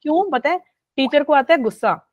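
A woman's voice: high voice, lively intonation, a little fast, dry recording. A woman teacher leading a live online class, chatty and coaxing, mixing English into her talk. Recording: dull lo-fi online audio.

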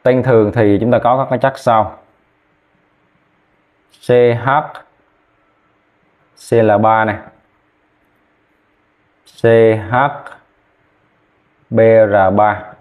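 A man teaching chemistry, dictating formulas slowly and repeating names, often checking whether students follow. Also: on the low side, steady tone, narrow, tinny audio. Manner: slow, repetitive, checking in with "ok chưa?". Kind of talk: classroom lesson, dictating formulas.

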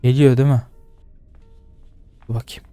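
A young man talking himself through a horror game, muttering nervously, then dropping to hushed whispers. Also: mid-range voice, flat delivery, normal speed, smooth, no room sound, soft background music. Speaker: gaming YouTuber.

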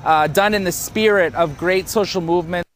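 A man's voice: high-pitched, normal speed, a little hiss or hum. A man in his thirties, a protest organizer, speaking passionately and fluently with some fillers in a live outdoor news interview.

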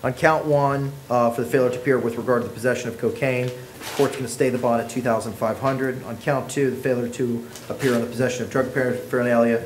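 Judge on an echoey courtroom recording. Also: male voice, mid-range voice, steady tone. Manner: measured, procedural, reads case numbers. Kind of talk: formal court proceedings. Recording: echoey courtroom audio, faint noise.

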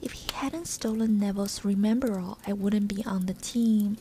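A woman's voice: mid-range voice, steady tone, moderate pace, warm tone, a little hiss or hum, close to an everyday voice. Gleeful young schoolboy, as a woman whispers him. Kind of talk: whispered role-play.

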